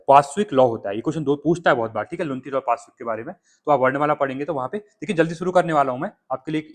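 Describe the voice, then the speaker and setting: A man tutoring exam candidates through a past paper, explaining step by step and sounding out letters slowly, often checking in with "theek hai". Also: mid-range voice.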